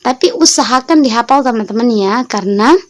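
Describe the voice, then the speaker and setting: Woman teacher, a bit high-pitched, patient, repeats each word and meaning, online beginner lesson. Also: expressive, fairly quick. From Lombok, Indonesia. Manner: patient, repeats words and meanings, addresses viewers as friends. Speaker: English teacher.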